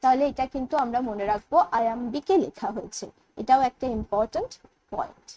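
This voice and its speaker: A woman with a Bengali accent teaching an English poetry lesson online, explaining in Bengali mixed with English terms and reading the poem's lines slowly. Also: on the high side, dark tone, a little hiss or hum, rough recording. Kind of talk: online exam-prep lecture.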